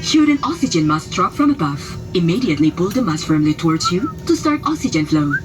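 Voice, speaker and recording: A woman's voice: fairly low pitch, big pitch swings, normal speed, music in the background. A woman reads a formal, instructional airline safety demonstration as a scripted cabin announcement. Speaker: flight attendant announcer.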